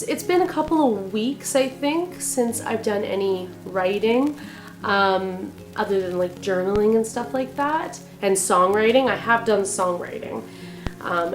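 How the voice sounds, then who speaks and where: A woman with a raspy, growly voice from being sick, chatting casually and rambling a bit in a vlog about her writing. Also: mid-range voice, darkish tone, echoey room. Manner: chatty, rambling, self-correcting. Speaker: author and vlogger.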